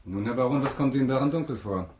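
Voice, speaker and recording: An actor playing a wealthy, imperious count with polished, mocking irony in a German radio drama. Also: male voice, medium pitch, fast talker, darkish tone, muffled recording, a little hiss or hum, close to an everyday voice. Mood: mocking politeness. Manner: polished, ironic, haughty formal speech.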